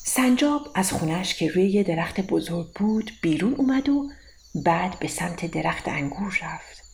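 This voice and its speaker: A woman telling a children's bedtime story in a gentle, even read-aloud manner. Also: fairly low pitch, gravelly, a little hiss or hum.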